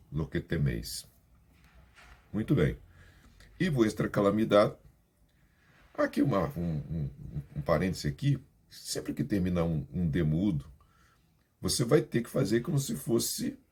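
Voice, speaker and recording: A deep-voiced man with a husky edge reads scripture aloud as a language teacher. He works through it slowly, stopping to repeat words and lean hard on each sound. His first language is Portuguese. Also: darkish tone. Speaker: Spanish teacher. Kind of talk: reading scripture aloud and explaining pronunciation.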